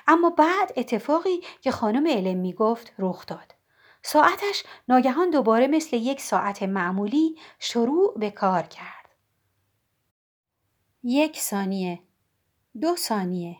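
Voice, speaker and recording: A woman narrating an audiobook in a lively, expressive reading. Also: a little high. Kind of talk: scripted narration.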